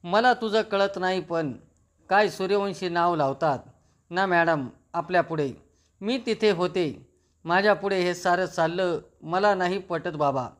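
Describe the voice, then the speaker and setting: A man reading the lines of an earnest young woman who calmly pleads her case to her father in a TV serial recap. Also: fairly low pitch, a little slow, close to an everyday voice. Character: young woman, earnest and reasoning daughter-in-law.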